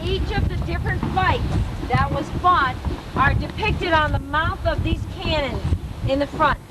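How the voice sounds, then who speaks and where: High-voiced tour guide woman on old camcorder tape. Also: moderate pace. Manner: informative, light joking. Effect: old home-video tape sound. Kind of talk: outdoor guided tour commentary. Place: outdoors by a monument. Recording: hissy windy camcorder tape.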